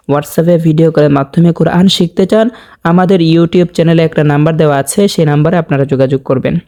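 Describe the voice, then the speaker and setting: A man's voice: fairly high pitch, mellow. A man teaching Quran recitation step by step, patiently repeating each word and drawing out the recited vowels as he explains the rules to his viewers. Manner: addresses viewers directly as dear viewers. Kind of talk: step-by-step tajweed lesson.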